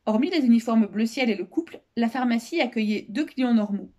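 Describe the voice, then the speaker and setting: Woman storyteller, read-aloud, expressive, fairly high voice. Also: brisk. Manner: expressive, raises pitch for shouted quotes. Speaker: storyteller reading a children's novel.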